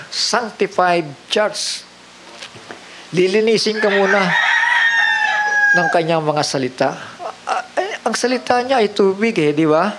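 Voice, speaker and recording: A man's voice: high voice, very noisy. A man preaching a sermon, mixing in English phrases and often asking the congregation rhetorical questions.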